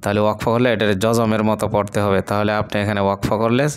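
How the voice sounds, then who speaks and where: Male recitation teacher from Bangladesh, patient and repetitive, low smooth clear voice. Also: little pitch movement. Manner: patient, repeats syllables slowly, drawls long vowels. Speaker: Quran reading teacher. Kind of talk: step-by-step recitation lesson.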